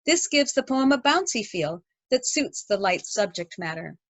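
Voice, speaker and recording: A woman teacher narrating a scripted lesson, reading verse aloud with a measured rhythm. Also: medium pitch, very animated, dry recording.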